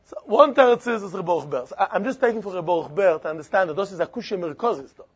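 High-pitched man teaching with a Yiddish accent. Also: lively intonation, quick pace, breathy edge. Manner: argumentative, firing repeated rhetorical questions. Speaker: Talmud teacher. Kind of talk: interactive Talmud lecture in yeshiva idiom. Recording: dull lo-fi recording.

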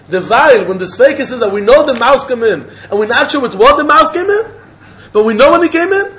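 Male Talmud teacher, Yiddish accent, very high voice, insistent and repetitive, recorded in an echoey room with faint noise. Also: fairly bright tone. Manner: insistent, repeats phrases. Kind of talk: informal religious lesson, explaining and questioning.

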